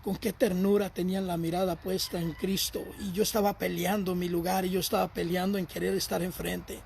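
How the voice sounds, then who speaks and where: Male lay preacher, high and gravelly, sermon testimony with repeated phrases, faint noise behind. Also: flat delivery, brisk, a little mellow.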